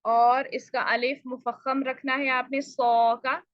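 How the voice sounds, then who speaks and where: A woman teaching a recitation lesson, explaining patiently and repeating each sound slowly to demonstrate it, with polite address. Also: high voice, little pitch movement, dry recording, lo-fi sound. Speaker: tajweed teacher. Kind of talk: recorded pronunciation lesson.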